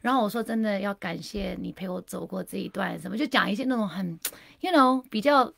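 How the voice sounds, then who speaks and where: A woman's voice: mid-range voice, brisk, creaky, dry recording. A middle-aged woman, a radio guest, talking candidly and with animation about marriage, dropping in English phrases. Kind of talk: casual radio interview.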